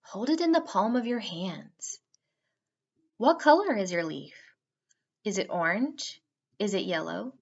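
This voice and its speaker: A woman narrates a guided meditation for children, soothing and unhurried, drawing out her phrases. Her mid-range voice is slightly rough, and the recording sounds muffled.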